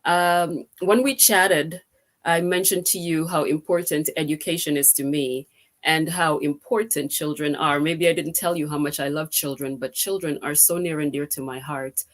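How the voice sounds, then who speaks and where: A woman's voice: low-pitched, steady tone, moderate pace. A middle-aged woman from Jamaica speaking as a guest on an online forum over a video call, grateful and chatty with many fillers. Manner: warm, grateful, with frequent fillers.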